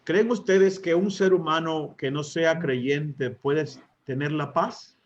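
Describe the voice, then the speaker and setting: A Dominican man, a priest, teaching couples in a talk, often pausing with fillers and asking his listeners rhetorical questions. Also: fairly high pitch, muffled recording. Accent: Dominican Spanish. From Dominican Republic. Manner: asks the audience rhetorical questions, hesitates with fillers.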